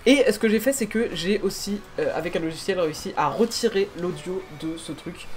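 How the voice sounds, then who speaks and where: Un jeune homme youtubeur, bavard et autodérisoire, qui explique son doublage amateur au micro de bureau, chez lui le soir. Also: male voice, high-pitched, brisk. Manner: chatty, self-deprecating, excited. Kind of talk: casual amateur dubbing vlog. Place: room at home, late at night. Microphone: desk microphone.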